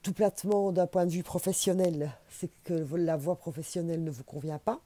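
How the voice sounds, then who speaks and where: Belgian woman, low warm voice, chatty card reader who repeats herself to urge the viewer on. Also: fairly even intonation, normal speed. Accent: Belgian French. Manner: chatty, encouraging, repeats for emphasis. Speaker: intuitive oracle card reader. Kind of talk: casual spiritual card reading to camera.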